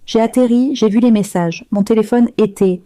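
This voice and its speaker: A bewildered husband pours out hurried, anxious questions, as a woman narrator reads his part. His voice is a little raised and sits mellow and dark. It sounds dry and close, like a storybook read aloud. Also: fairly high pitch, dry recording, lightly acted. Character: bewildered husband returning in a hurry.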